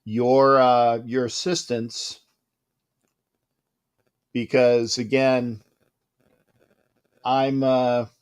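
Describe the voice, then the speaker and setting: Hosting a live sports talk stream, this man sounds downcast and quiet, his mid-range voice clear and resonant but flat in delivery. He frequently stutters and starts over, drifting off into pauses.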